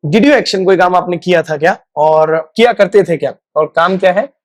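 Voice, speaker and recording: A man's voice: high-pitched, moderate pace, no echo, clean studio sound. A man teaching a spoken lesson in a chatty way, stretching out example sentences word by word. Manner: chatty, addresses viewers as guys and brother. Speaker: English teacher.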